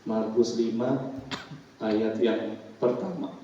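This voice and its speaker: A man's voice: mid-range voice, slow, mellow, slight background noise. A male pastor preaching a sermon, emphatic, constantly addressing his congregation as he leads a scripture reading. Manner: emphatic, keeps tagging lines with "ya, saudara" to the congregation. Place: church hall. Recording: echoey church hall, distant dull mic.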